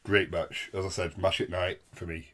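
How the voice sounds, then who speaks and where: Lowish-voiced man, brief casual interjections. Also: little pitch movement, moderate pace, fairly bright tone. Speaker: podcast co-host. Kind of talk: casual chat, short interjections.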